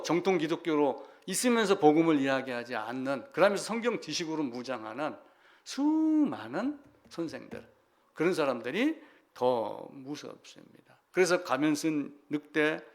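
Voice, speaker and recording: A male pastor preaching a sermon in a lively, animated way, acting out people crying out to God. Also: a little high.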